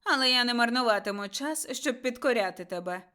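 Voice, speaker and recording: A woman doing a shrill, icy dark lord. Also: expressive, fairly quick. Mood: mocking threat. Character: cold cruel male dark lord, shrill hissing voice.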